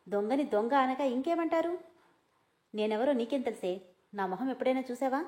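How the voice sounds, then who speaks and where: Woman playing a loud chatterbox young woman, quarrelsome, rapid insults, storybook. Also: sits high, close to an everyday voice.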